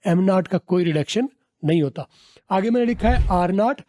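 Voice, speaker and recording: A man teaching English pronunciation, explaining step by step, repeating example phrases slowly and drawn out, and asking his learners to guess. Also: high-pitched, lively intonation, mellow. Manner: asks learners to guess answers.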